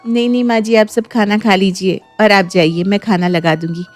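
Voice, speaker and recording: A woman's voice: mid-range voice, fairly even intonation, normal speed, faint music behind, voice pushed down, natural voice. A woman voicing a suspicious, sarcastic young bride in a cartoon story. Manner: sarcastic, argumentative.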